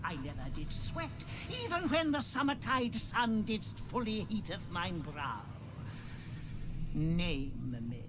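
An actress voicing a whimsical talking skull in a video game, posing riddles in theatrical, archaic English. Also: female voice, fairly low pitch, big pitch swings, noisy background. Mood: delighted, riddling. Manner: theatrical, archaic, drawn-out delivery. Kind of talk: video game character acting.

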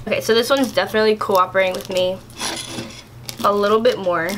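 A woman's voice: medium pitch, steady tone, fairly quick, a bit bright, slight background noise. A young woman casually reviewing products in a vlog, chatty and exasperated, with lots of filler words. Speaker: YouTuber.

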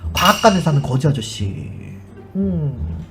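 Low-voiced woman streamer telling a story, really animated, does little voices for people, music in the background. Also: a little slow. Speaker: live-stream host. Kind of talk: casual storytelling chat on a live stream. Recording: music under the voice.

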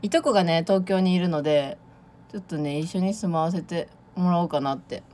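A woman's voice: lowish voice, brisk, warm tone, a little hiss or hum. Bubbly young woman with a Kansai lilt. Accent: Kansai Japanese with Awa dialect touches. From Tokushima, Japan. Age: late teens. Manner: chatty and bubbly, often laughing. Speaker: idol audition livestreamer. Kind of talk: casual livestream chat reading viewer comments.

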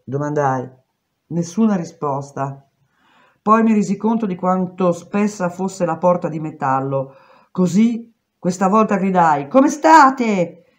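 A woman reading an autobiography aloud in a measured, unhurried way, on a dull lo-fi recording. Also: low-pitched. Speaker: reader of an autobiography. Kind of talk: audiobook-style reading aloud.

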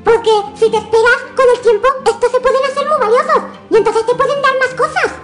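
A woman's voice: very high-pitched, brisk, echoey room, over music. A woman voicing a curious young female kitten who explains a video game, with a Spain Spanish accent. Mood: explaining. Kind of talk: playing a video game on camera.

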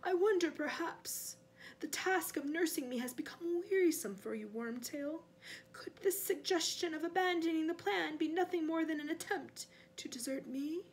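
A woman voicing a cold, menacing, weakened male dark lord in an audiobook, imperious and deliberate, sometimes sinking to a breathy hiss. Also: very high-pitched, pitched above the performer's own voice. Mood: contemptuous, suspicious. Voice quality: breathy, hissing whisper at times.

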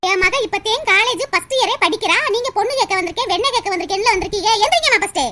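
A woman voicing a proud, sharp-tongued village mother in a cartoon. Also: extremely high pitch, expressive, very noisy. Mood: angry. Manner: scolding, haughty and rapid. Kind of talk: cartoon voice acting.

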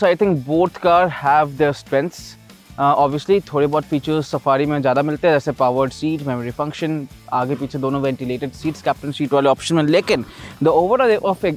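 An Indian man in his thirties chatting informally and giving his opinions as host of a car comparison. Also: fairly high pitch. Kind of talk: casual car comparison chat, mixing Hindi and English.

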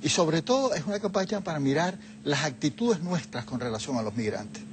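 A man's voice: on the high side, expressive, a little fast, noisy background. An older man, a guest in a TV studio interview, explaining things reflectively into a lapel mic. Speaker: guest, Jesuit leader. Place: TV studio set, seated on a sofa.

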